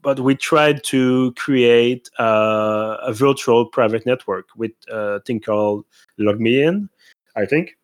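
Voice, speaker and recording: A man co-hosting a podcast in casual chat, thinking aloud with frequent pauses. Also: mid-range voice. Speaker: podcast co-host.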